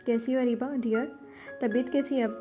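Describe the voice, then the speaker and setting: A woman's voice: fairly high pitch, fairly even intonation, dark tone, soft background music, lightly acted. A woman voicing a sweet, cheerful young wife in a spoken novel, affectionate and coaxing.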